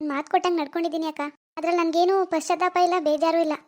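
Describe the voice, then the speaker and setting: Woman doing a super high, squeaky cartoon mom, quick and flat, sweet and reassuring. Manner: soft, reassuring, insistent. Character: young village mother, gentle and self-giving. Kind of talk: animated cartoon dialogue.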